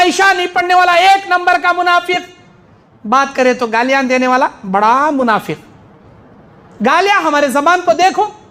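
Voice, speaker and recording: A man delivers a mosque sermon in a high, bright-pitched voice. He speaks emphatically, hammering points through repetition and briefly acting out the people he quotes. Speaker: preacher.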